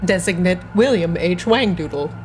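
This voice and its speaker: A woman's voice: fairly low pitch, moderate pace, a little mellow, soft background music. Woman voicing a glitching clockwork robot. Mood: flat mechanical. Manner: clipped, repetitive machine announcements. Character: glitching clockwork machine, stuck in error loops. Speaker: game master. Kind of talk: narrating a tabletop game.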